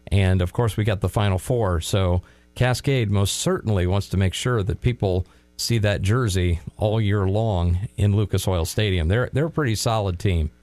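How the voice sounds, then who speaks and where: A man's voice: fairly low pitch, moderate pace, a little mellow, dry recording, soft background music. A man co-hosting a local sports talk show, chatting casually with playful sarcastic asides.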